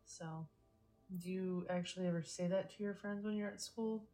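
A woman hosting a podcast, gently asking a child questions and laughing easily. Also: fairly low pitch, fairly even intonation, moderate pace, soft background music. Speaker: podcast host. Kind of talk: casual interview.

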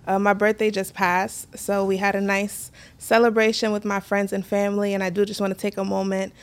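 A woman in her twenties co-hosting a podcast, chatting casually with quick asides and frequent laughter. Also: medium pitch, monotone, clear, resonant tone. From United States. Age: 20s. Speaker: podcast co-host. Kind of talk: casual chat.

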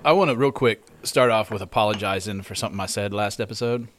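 A young man on a casual podcast, speaking quietly and sheepishly. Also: fairly low pitch, fast, slight background noise.

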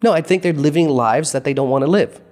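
A man's voice: on the high side, quick pace, darkish tone. A man hosting a casual podcast conversation, skeptical and pushing back on his guest's claims.

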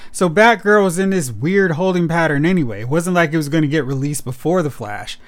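Wry man with a smooth, high voice. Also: no echo. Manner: wry, quick with jokes. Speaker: podcast co-host. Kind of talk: casual chat about superhero movies.

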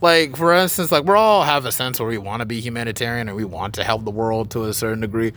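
A man's voice: mid-range voice, fast talker, fairly bright tone. A man hosting a podcast, chatting casually in a slangy, easygoing way and laughing often. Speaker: podcast host. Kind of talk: casual chat.

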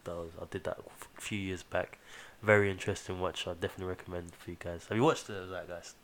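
Low-voiced London roadman podcast host. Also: steady tone, fast talker, a bit bright, a little hiss or hum. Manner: swears casually. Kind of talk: casual chat with street slang.

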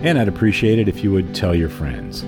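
A man hosting a podcast and reading aloud in a hoarse, froggy voice. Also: low voice, big pitch swings, fairly quick, music in the background. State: hoarse throat. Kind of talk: audiobook-style reading and podcast sign-off.

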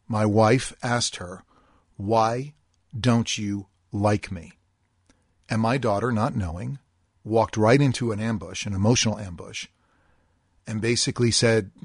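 A middle-aged man hosting a podcast, talking in an earnest, deliberate way and stretching out key words as he reads a listener's post. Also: on the low side, no echo, studio quality. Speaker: podcast host. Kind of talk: podcast monologue reading a listener posting.

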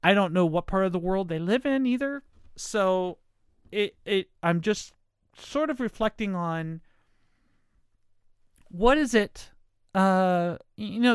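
A woman's voice: mid-range voice, clear, resonant tone, no echo, studio quality. American woman talking with dental aligners in. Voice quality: speech slightly impeded by dental aligners. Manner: rambling, circling back, apologetic. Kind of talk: casual unscripted monologue.

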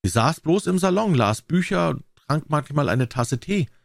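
A man's voice: a little high, animated, unhurried, vocal fry, no echo, clean studio sound, pitched above the performer's own voice. A man reading the lines of a respectable, chatty older landlady in an audiobook story.

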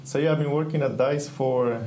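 With a medium-pitched voice at normal speed, a man from Ecuador chats as a guest in a casual interview about his work as a game UI/UX artist. He sounds eager and thoughtful as he looks for words, and the rough audio carries a steady hum.

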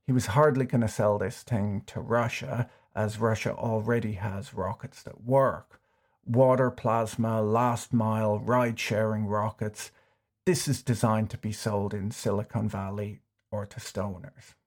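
A man hosting a scripted finance explainer, delivering it with dry, wry deadpan humor. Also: fairly low pitch, unhurried. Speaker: YouTube finance commentator.

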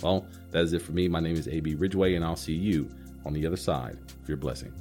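Deep-voiced male podcast host over music. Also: quick pace, darkish tone. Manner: explanatory, addresses the listener directly. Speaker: financial advisor hosting podcast. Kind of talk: scripted podcast talk with explanatory asides.

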